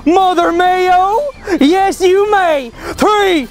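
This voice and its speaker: A performer playing a rowdy, exuberant kids' church host character with a folksy, drawn-out cheerleading delivery. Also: extremely high pitch, very noisy, heavily acted. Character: rowdy, high-pitched kids' show character named Buster who loves busting stuff. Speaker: children's lesson host. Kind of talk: scripted kids' church lesson.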